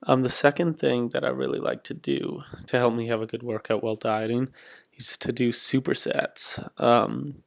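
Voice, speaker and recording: A young man in his twenties narrates his fitness vlog in a casual, meandering way. His voice sits at an ordinary pitch but carries a heavy gravelly fry, and he fills his sentences with ums and likes. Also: steady tone, moderate pace. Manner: laid-back, rambling, lots of ums and likes. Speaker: fitness vlogger. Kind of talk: casual voice-over commentary.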